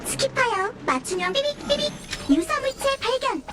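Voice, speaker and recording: A woman's voice: very high-pitched, lively intonation, normal speed, very noisy. A woman voicing a chirpy little household finder robot in a video game, with a robot voice that beeps and announces each step politely. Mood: announcing. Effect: robot voice, beeping before lines.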